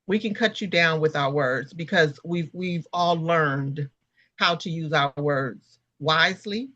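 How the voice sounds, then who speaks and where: A woman co-hosting a podcast in casual chat, pausing often with fillers and restarts. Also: deep voice, a bit bright, no echo, muffled recording. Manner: halting, many restarts and fillers. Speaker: podcast co-host.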